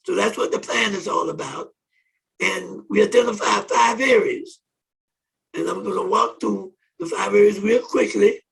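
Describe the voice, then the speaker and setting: Hoarse guy opening a conference over a call, gravelly, highish voice, sounds far off. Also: fairly bright tone. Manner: halting, many ums and restarts. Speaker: conference host. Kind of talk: opening remarks on online radio. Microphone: phone or conference call.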